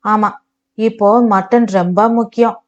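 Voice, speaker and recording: A woman's voice: medium pitch, steady tone, a little slow, darkish tone, highs cut off, close to an everyday voice. A woman voicing a bitter, sarcastic young husband who mocks and accuses his wife. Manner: mocking, accusing.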